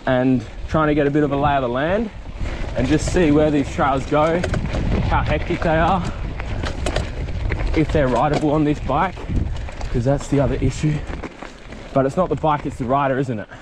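A man's voice: a little high, fairly even intonation, brisk, noisy background. A young Australian man from South Australia, vlogging casually and jokily with lots of ums while out on bush bike trails. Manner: chatty, rambling, jokey with lots of ums. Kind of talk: casual vlog chat.

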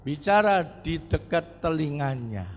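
A man playing a calm doctor giving advice, in a church hall with long reverb. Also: a little high, a little slow. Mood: advising.

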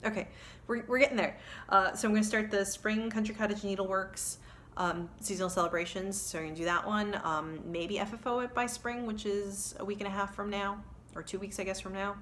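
In a mid-range, fairly bright voice with fairly even intonation, a cross-stitch vlogger in her thirties speaks a little fast. She's in her toy-strewn living room, filming on a phone at arm's length, with a little hiss or hum. Her casual chat wanders, full of ums and self-corrections.

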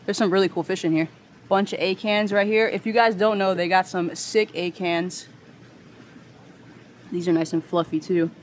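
A woman's voice: lowish voice, steady tone, moderate pace, long pauses, a little hiss or hum. A woman vlogging a store tour, chatting casually with slangy, enthusiastic exclamations. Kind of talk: casual vlog chat with slangy reactions. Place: indoor aquarium store room full of tanks. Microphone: handheld camera mic, close to the speaker.

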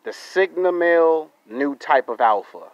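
An American man in his thirties talking deliberately to his subscribers in short, emphatic, repetitive phrases, outdoors into a close phone. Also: fairly high pitch, lively intonation, no echo. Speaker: YouTube vlogger. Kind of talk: monologue to camera for subscribers. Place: outdoors in a residential yard. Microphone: phone held close to the face. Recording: dull, lo-fi phone audio.

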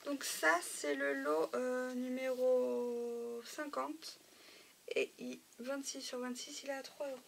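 Woman, fairly high voice, gravelly fry, chatty show-and-tell, noisy home recording with crinkling packets. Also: little pitch movement, slow. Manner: chatty, often says "euh" and "voilà". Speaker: craft supply seller. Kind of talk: casual show-and-tell video. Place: home craft room.

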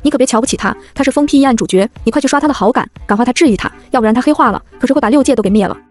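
A woman narrating a first-person web-novel story in a brisk, cool manner. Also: a little high, faint music behind.

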